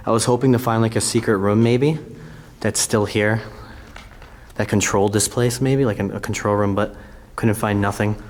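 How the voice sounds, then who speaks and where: A young man with a fairly low, fairly even voice chats at a moderate pace as an urban exploring vlogger inside an abandoned tunnel. His talk is casual, informal and exclamatory, and the on-location recording is noisy with ambience.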